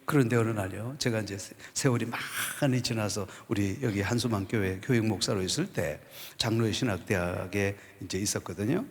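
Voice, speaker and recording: A man in his fifties, a pastor, giving an animated storytelling sermon testimony in a church. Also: on the low side, a little fast. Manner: animated storytelling, acts out quoted voices. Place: church sanctuary. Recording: long church hall reverb.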